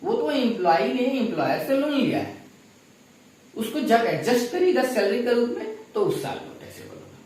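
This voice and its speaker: A man's voice: very high-pitched, very animated, normal speed, darkish tone. A man teaching a class, explaining step by step and putting questions to his students. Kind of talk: classroom lecture. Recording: echoey room from far off.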